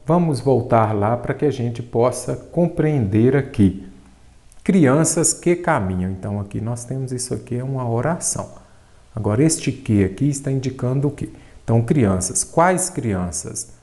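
A man's voice: medium pitch, normal speed, mellow. A man with a Brazilian Portuguese accent teaching an exam-prep grammar lesson, asking questions and answering them himself. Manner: explanatory, asks and answers his own questions.

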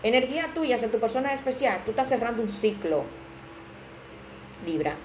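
A woman's voice: a little high, animated, fairly quick. A woman with a Dominican accent giving a chatty, dramatic tarot reading who acts out other people's lines. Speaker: tarot reader. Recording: roomy echo with faint background noise.

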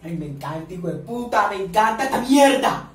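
Shrieking, excitable Colombian coast voice. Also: male voice, high-pitched, a little fast. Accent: Colombian Caribbean coast. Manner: excitable, swears a lot, shrieks and squeals. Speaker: reaction vlogger. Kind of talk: excited reaction commentary. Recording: echoey room, distant mic, faint noise.

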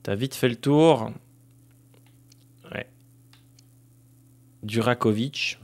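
A man's voice: medium pitch, extremely slow, a little mellow. Chatty man commenting on his game. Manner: chatty, thinks aloud with many fillers, talks to viewers as "les gars". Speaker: gaming streamer.

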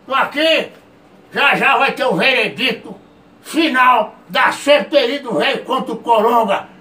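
A man puts on a feisty old self-styled king, high-pitched and brassy, hurling insults and threats in a comic sketch. The voice sits a little off the mic in an echoey room. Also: measured pace, far from the mic, heavily acted. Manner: rowdy, insulting, yelling threats. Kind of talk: comedic character sketch.

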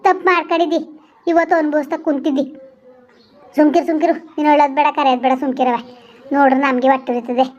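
A woman's voice: high voice, fairly even intonation, fast talker, dull audio, natural voice. A woman playing a chiding village landlady. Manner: chiding, repeats hushing words. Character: village landlady, scolding yet consoling, older woman. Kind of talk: amateur village drama skit.

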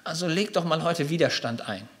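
A male pastor preaching a sermon and leading prayer, fervent, repeating phrases, calling out hallelujah and putting quick questions straight to his listeners. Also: a little high, expressive, a bit bright.

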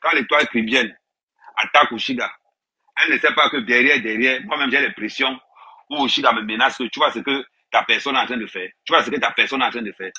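A man holds forth to his viewers on a live stream, circling back to the same phrases and talking to them directly. His voice is sharp and tense with a husky edge. It is recorded on a tablet on a tripod indoors. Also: medium pitch, fast talker, rough recording. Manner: emphatic, repeats phrases, addresses viewers directly. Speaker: social media personality on a live stream. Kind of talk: ranting live stream monologue.

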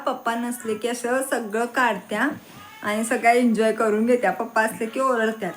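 Chatty higher-pitched woman vlogging at home. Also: steady tone, moderate pace, noisy background. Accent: rural Marathi, Satara region. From Maharashtra, India. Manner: chatty, addresses viewers directly, teasing her daughters. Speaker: family vlogger and mother. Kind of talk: casual home vlog narration. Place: home with rain outside.

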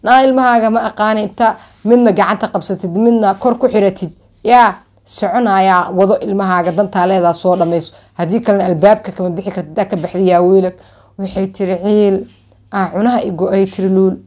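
Mellow-voiced Somali woman telling a dramatic story. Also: mid-range voice, steady tone, fairly quick. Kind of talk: dramatic oral storytelling to camera. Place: small furnished room at home, indoors.

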